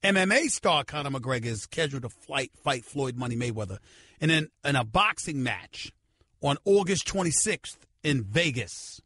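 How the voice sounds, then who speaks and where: A man's voice: medium pitch, expressive, moderate pace, sharp tone, slight background noise. A middle-aged man hosting a sports talk radio show, arguing his points with emphatic, preacherly repetition. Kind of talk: sports talk radio commentary and host-read ad.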